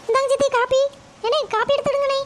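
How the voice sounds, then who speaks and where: A chatty young daughter-in-law in a cartoon, voiced by a woman. Her voice sits very high and squeaky above the performer's own. She sounds a little distant, with a faint hiss behind her. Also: fairly even intonation, rapid-fire. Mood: shrill chatter.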